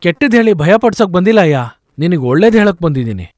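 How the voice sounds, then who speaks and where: A fast, meddling troublemaker. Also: male voice, high-pitched, sing-song, darkish tone, no room sound, clean studio sound. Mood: provocative. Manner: provocative, rapid warnings. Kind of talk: Kannada film dub.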